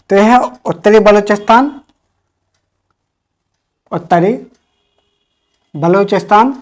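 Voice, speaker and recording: Woman teaching, repeating each point. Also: mid-range voice. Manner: repeats key points slowly, drilling with questions. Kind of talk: exam-prep history lecture.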